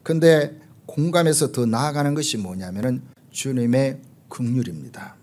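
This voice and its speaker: A middle-aged man, a pastor, preaching a sermon and telling stories full of acted quotes, pausing often on "uh". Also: mid-range voice, a little mellow. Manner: storytelling with acted quotes, frequent "uh" fillers.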